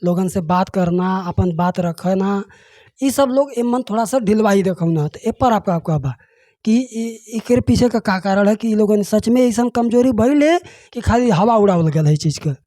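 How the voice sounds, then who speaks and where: This interviewer speaks in a Bhojpuri accent and lets the questions wander slowly and deliberately. The voice sits in a middle pitch and is recorded dry, with no room echo. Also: expressive, dark tone. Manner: long, winding questions, slow and deliberate. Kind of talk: casual political interview questions.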